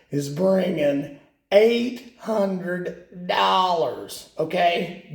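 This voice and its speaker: A man who is a real estate agent, talking casually and jokily about farm numbers from inside a steel milk tank. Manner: folksy, self-mocking, jokey. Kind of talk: casual video monologue. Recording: boomy echo inside a metal tank.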